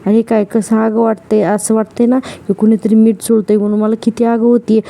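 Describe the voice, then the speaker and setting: A whiny young woman who protests everything, as a female reviewer reads her lines. The tone is dark and mellow, and it turns shrill when she objects. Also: level tone, a little fast, creaky. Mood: protesting.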